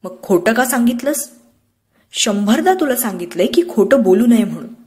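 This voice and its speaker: A woman voicing a strict village father who speaks in sharp, demanding questions. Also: mid-range voice, a little slow, natural voice. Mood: angry. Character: angry strict village father, middle-aged man.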